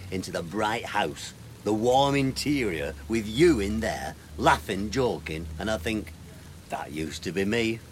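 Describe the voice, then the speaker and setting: An actor playing a self-pitying gardener, wistful and grandiloquent in a radio sitcom. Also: male voice, fairly low pitch, slight background noise. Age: 30s. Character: weary, self-pitying male gardener in his thirties, cast out by his boss.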